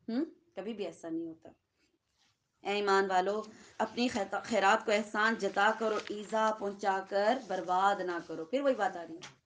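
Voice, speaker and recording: A woman with a Pakistani Urdu accent giving a Quran lesson to seated listeners, talking conversationally and often asking the room checking questions. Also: mid-range voice. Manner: conversational, asks the audience frequent checking questions. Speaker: Quran teacher.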